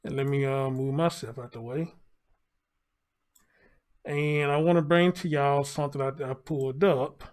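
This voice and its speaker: A man giving a casual news update to viewers, speaking through a face mask in a halting way and repeating phrases. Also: medium pitch, fairly even intonation. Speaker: online news commentator.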